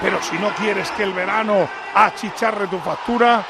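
A man with a Spanish accent from Spain reads sponsor promotions live in a football broadcast, loud and punchy as an announcer. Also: sits high, normal speed, vocal fry. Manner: loud, punchy sales delivery. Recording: stadium crowd and noise behind.

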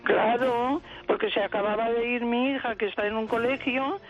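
An elderly woman from Aragon speaks over a muffled telephone line, her voice gravelly and worn. She tells her story with tearful, animated emotion as a radio caller. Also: on the high side, normal speed. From Aragon, Spain. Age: 80s. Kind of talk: emotional phone-in account.

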